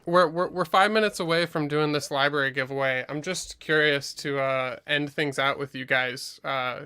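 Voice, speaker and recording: A man hosting a livestream, asking guests questions in a relaxed, casual way with a lot of "like" in his speech. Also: a little high, normal speed, clear, resonant tone. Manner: relaxed, loose phrasing with frequent "like". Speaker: livestream host. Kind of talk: casual interview chat.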